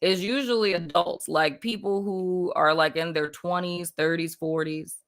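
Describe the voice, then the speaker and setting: This Puerto Rican woman's voice runs low and steady, her pace measured, as she hosts a relaxed spiritual livestream. She wanders from point to point, laughs frequently, and leans heavily on "like" and "you know what I mean."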